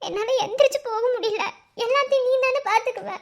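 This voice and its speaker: A very high, squeaky voice of an anxious young pregnant wife, as a woman acts her out in a cartoon. She pleads and soothes in a Madurai Tamil accent. The delivery stays tender and worried. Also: brisk. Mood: tearful. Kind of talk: cartoon voice acting.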